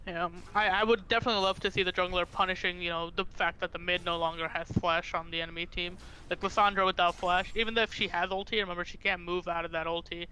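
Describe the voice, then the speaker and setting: A man's voice: high voice, fairly even intonation, quick pace, few pauses, sharp tone, slight background noise, poor audio. A man doing casual color commentary on an esports match, often saying "honestly" and "you know". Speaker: esports co-caster.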